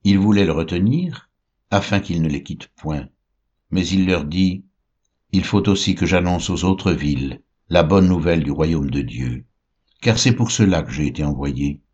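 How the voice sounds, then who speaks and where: A man reading scripture aloud in a slow, measured way. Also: low voice, expressive, darkish tone, husky. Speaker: Bible reader. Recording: dull lo-fi recording.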